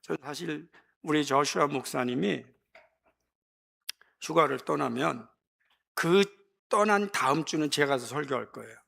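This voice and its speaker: A man preaching a sermon in church as pastor, switching between quiet talk and impassioned exhortation. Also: fairly high pitch, a little slow, creaky, long pauses. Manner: impassioned preaching, mimics voices.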